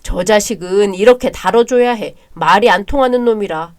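A hot-headed young husband barks orders and yells harshly in a radio drama, with a woman doing the voice. The pitch stays in a plain middle range. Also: moderate pace, natural voice. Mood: angry. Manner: shouting, bossy and harsh. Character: hot-tempered young husband, bullying older brother.

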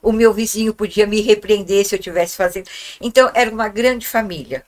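A woman's voice: mid-range voice, fairly quick. A woman, telling childhood memories as a guest in a small podcast studio, speaking reflectively into a desk microphone. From Guarulhos, Brazil. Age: 70s. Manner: warm, reflective storytelling with gestures. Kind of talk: reminiscing interview talk.

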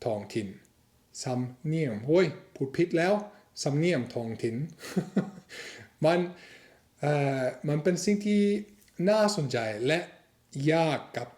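A man's voice: a little high, animated, slow pace, a little mellow. Chatty man teaching in an echoey room. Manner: chatty, corrects own slips with a laugh. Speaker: language teacher. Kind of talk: casual video lesson.

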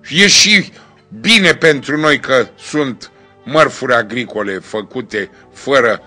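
A man's voice: mid-range voice, sharp tone. A man hosting a TV talk show, effusive and emphatic, heaping praise on his guest.

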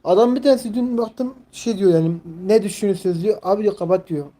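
A young man in his twenties hosts a casual live stream, talking in a mellow, soft-edged tone. He rambles, leans heavily on fillers and reads the chat aloud as he goes. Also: high-pitched, fast talker. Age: 20s.

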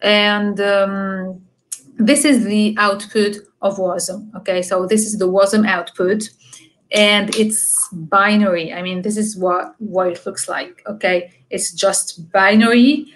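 A woman's voice: mid-range voice, steady tone, slow pace, rough recording. A young woman presenting a technical talk on a video call at an online meetup, explaining step by step with frequent fillers and "okay?" check-ins. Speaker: conference speaker. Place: home room, video call.

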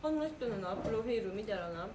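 A young woman with a Kansai accent banters casually with friends at a quick clip. Her high voice jumps around animatedly, heard in an echoey room. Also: lively intonation. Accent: Kansai Japanese. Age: about 19. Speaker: idol, companion on the livestream. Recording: roomy echo, clear room noise.

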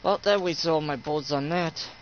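A man's voice: fairly high pitch, moderate pace. A man doing casual horror game commentary as a streamer, wary and talking to himself in short muttered remarks. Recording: muffled, clearly noisy game recording.

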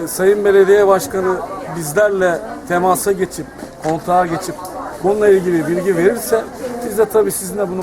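A man gives a formal, halting statement to the press as a market tradesmen's representative. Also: sits high. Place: outdoor street market. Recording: busy market crowd behind.

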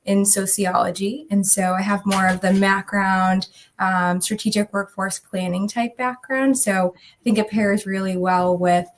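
A woman who leads a people analytics team, introducing herself briskly and brightly on a video call. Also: medium pitch, steady tone, slight background noise. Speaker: people analytics lead, panel guest.

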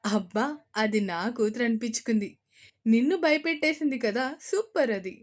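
A confident young husband who teases his wife with quick, bossy lines, voiced by a woman reading an audio story. The voice stays close to her own, only slightly lower. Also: close to an everyday voice. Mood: cheerful. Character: teasing, confident husband, young adult man.

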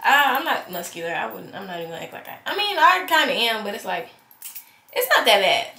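Speaking a little high and very animated, this teen girl moves at a quick pace, her voice pushed, bright and husky despite a congested nose. Her casual vlog chat is chatty and candid, full of rambling asides.

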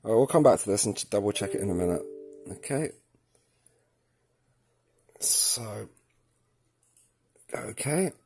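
A lowish, slightly rough voice with a darkish tone comes from a product tutorial presenter who is animated yet measured, pausing often. Indoors at a work table, he films his hands and device, casually narrating each step as he thinks aloud.

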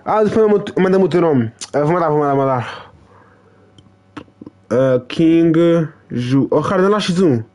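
A young man with a European Portuguese accent, live-streaming a football game in excitable, trash-talking casual chatter that repeats itself. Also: a little high, moderate pace, pauses often. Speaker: gaming streamer.

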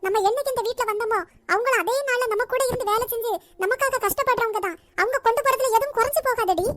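A woman's voice: very high voice, fast talker, a bit bright, dry recording. A woman voicing a stern elderly matriarch in a cartoon, with a Nagercoil Tamil accent and a scolding, commanding manner. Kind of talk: cartoon voice acting.

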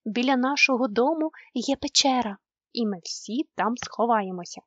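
A woman voicing a brave, eager young male moomin troll in a storybook reading, with excited exclamations. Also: fairly high pitch, moderate pace, slightly rough, no room sound, lo-fi sound. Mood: proud.

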